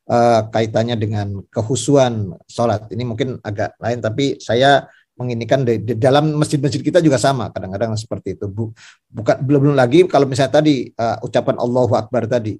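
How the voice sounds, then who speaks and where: A man's voice: medium pitch, fairly quick, warm tone, slightly rough. Hesitant man moderating a discussion. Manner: hesitant, many fillers while asking. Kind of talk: online Q&A discussion. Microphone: video call.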